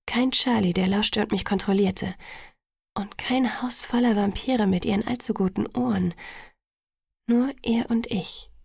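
Husky woman reading a novel. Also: mid-range voice, moderate pace, a little mellow, no echo, studio quality. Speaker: audiobook narrator. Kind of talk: first-person novel reading.

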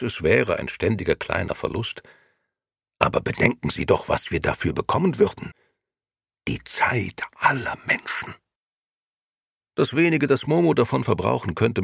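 A man doing an icy, scheming gentleman. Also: lowish voice, dry recording, clean studio sound, voice pushed up, exaggerated voice. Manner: slow, smooth, icy persuasion. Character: cold scheming grey gentleman, adult male.

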